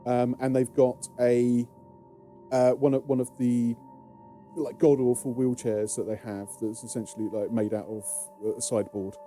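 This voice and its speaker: A man's voice: mid-range voice, level tone, moderate pace, mellow, soft background music. A man with a British accent narrating a tabletop game as game master, hesitant with many fillers. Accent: British English. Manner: hesitant, many ums and restarts.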